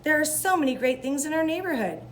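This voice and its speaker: A woman's voice: high-pitched, big pitch swings, fast talker, a little hiss or hum, voice pushed up. A woman voicing an earnest, indecisive young boy in a children's storybook. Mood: torn, uncertain.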